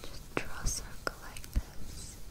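A woman doing a whispered role-play as a dental hygienist, speaking in a gentle, reassuring, soothing manner to a patient. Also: takes it slowly.

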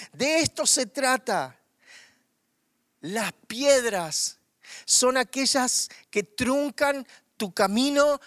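A man preaching a fervent sermon with a Rioplatense accent, swinging from loud bursts to hushed words. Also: very high voice, no echo, studio quality. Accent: Rioplatense Spanish. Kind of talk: online Easter sermon.

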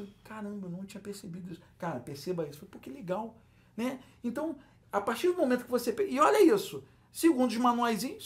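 Fast-talking Brazilian man. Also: high-pitched. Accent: Brazilian Portuguese. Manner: animated, acts out quoted lines. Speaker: guest. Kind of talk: casual podcast chat.

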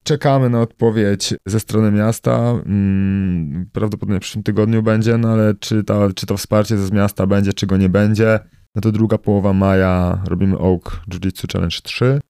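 A man's voice: lowish voice, steady tone, moderate pace, gravelly, mellow, clear, resonant tone, no echo, clean studio sound. A man, a jiu-jitsu coach, talking casually on a podcast in a loose, rambling way, full of fillers and tag questions. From Poland.

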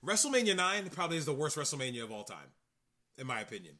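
Animated, bright-voiced man chatting wrestling. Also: on the high side, quick pace. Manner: animated, acts out matches and promos with sudden loud bursts. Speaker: podcast co-host. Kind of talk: casual wrestling podcast chat.

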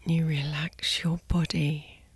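A woman guiding a sleep meditation in a soft, soothing spa-like whisper, gently and in short, unhurried phrases. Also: sits low, little pitch movement, husky, dry recording. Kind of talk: guided sleep meditation narration.

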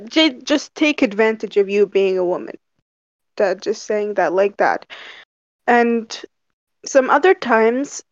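A young woman speaks slowly and frankly in a casual discussion, often stopping to find her words. Her voice is a little high. It comes over dry, muffled lo-fi call audio. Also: darkish tone, dry recording. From Algeria. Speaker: discussion participant.

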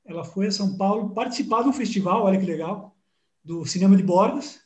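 Brazilian man, casual guest, high mellow voice, tripping over restarts, echoey room. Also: brisk. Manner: rambling, repeats words, animated storytelling. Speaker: guest filmmaker. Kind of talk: casual interview chat.

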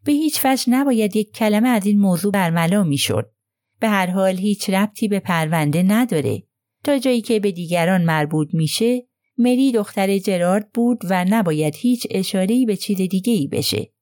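A woman's voice: medium pitch, expressive, a little mellow, no room sound, clean studio sound, lightly acted. A woman voicing a gossipy middle-aged nurse who talks in a hesitant, confiding way.

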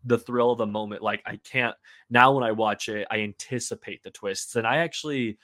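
A man's voice: on the low side, fairly quick, a bit bright, dry recording, studio quality. A man talking as a podcast guest in casual chat, eager and talkative, often restarting his sentences. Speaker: podcast guest, film reviewer.

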